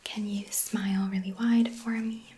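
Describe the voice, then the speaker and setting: A woman doing a whispered role-play as a medical examiner, gently giving step-by-step instructions and reassurance in an ASMR style. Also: medium pitch, flat delivery, unhurried, slight background noise.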